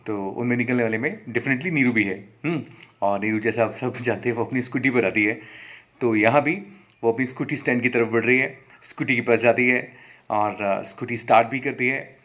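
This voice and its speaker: A man's voice: medium pitch, fairly bright tone. A man telling a story in a casual, conversational way as a show host, often correcting himself mid-sentence. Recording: slightly dull lo-fi recording.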